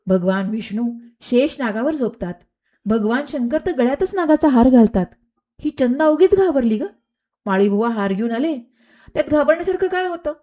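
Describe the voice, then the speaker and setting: A woman voicing a serene saintly queen who speaks calmly and kindly in a storybook tale. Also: high voice, normal speed, voice pushed up. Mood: gently teasing. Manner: calm, soft, kindly.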